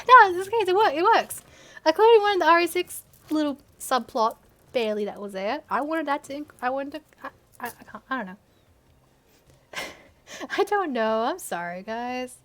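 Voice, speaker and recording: Woman, slightly high voice, reads an old story aloud, sarcastic asides, swears a lot. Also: expressive, normal speed, pauses often, sharp tone. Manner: sarcastic, swears often, breaks off to laugh at her writing. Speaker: YouTuber reading her old story. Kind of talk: reading aloud with mocking commentary.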